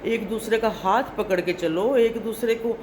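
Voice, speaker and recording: A family vlogger from Pakistan addresses the camera in a fairly high, darkish voice, with slight background noise. Her monologue is indignant and lecturing, and she often tags her points with "okay?".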